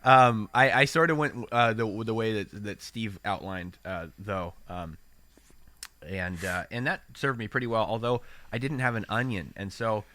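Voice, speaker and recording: A man hosts a casual podcast chat in a lowish, pushed, bright voice at normal speed. Congested after an illness, he rambles, corrects himself, and laughs often.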